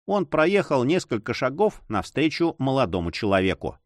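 A man reads a novel aloud in a measured, even way. His pitch rises and falls lively. The sound is close and dry. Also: no room sound. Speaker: audiobook narrator. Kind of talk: scripted narration.

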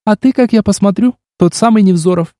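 A man reading an audiobook, voicing a bold, sharp-tongued young woman who speaks bluntly. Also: sits high, brisk, no room sound, studio quality, voice pushed up, natural voice. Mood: brash. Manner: blunt, brash. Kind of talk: audiobook character voice.

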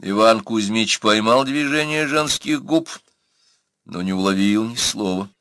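A man narrates an audiobook in a bright, forceful voice that sits a little low for a man. The recording is close and dry, with no room sound around him. When the characters speak, he lifts his pitch and pushes his volume to act them out. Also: unhurried, no echo. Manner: acts out characters with raised pitch and louder voice.

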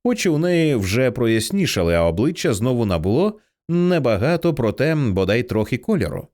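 Expressive male audiobook narrator. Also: medium pitch, moderate pace.

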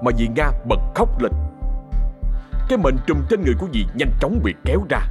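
A man's voice: mid-range voice, very animated, fairly quick, over loud music. A man narrating a ghost story with dramatic storytelling.

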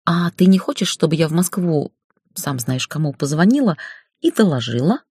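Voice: medium pitch, big pitch swings, moderate pace, a little mellow, husky, no room sound. A narrator voicing a young female office accountant in an audiobook, pleading and then standing up to her boss. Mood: defiant. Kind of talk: audiobook character voice.

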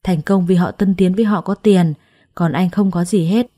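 Lady voicing a tired heartbroken guy in a storybook, soft and resigned, mellow voice. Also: fairly low pitch, steady tone, moderate pace, lightly acted. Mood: sad. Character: weary, heartbroken young man, sick and poor.

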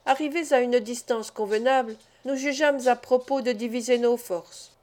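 A woman's voice: fairly high pitch, fairly even intonation, moderate pace, a little mellow, natural voice. A woman reading the part of a bold teenage boy recounting a hunt in an audiobook. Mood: proud. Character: bold teenage boy, eldest son, keen hunter.

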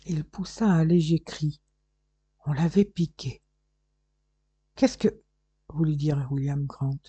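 A man reading an audiobook aloud in a steady, measured narration. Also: on the high side, slightly rough, dry recording. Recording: dull lo-fi recording.

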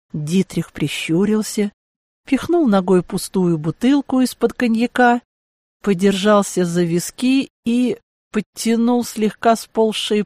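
A woman reading a first-person audiobook in a lively, ironic storytelling manner. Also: medium pitch, no room sound, studio quality. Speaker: audiobook narrator.

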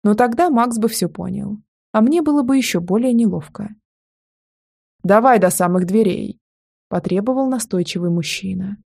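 A woman narrating an audiobook in first person with lively, wry storytelling. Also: fairly high pitch, a little fast, vocal fry, breathy edge, no echo, clean studio sound.

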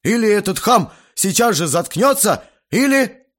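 A man voicing a red-faced, indignant fat middle-aged uncle who shouts and sputters, in an audiobook. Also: high voice, sing-song, measured pace, voice pushed up, heavily acted. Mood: indignant shouting.

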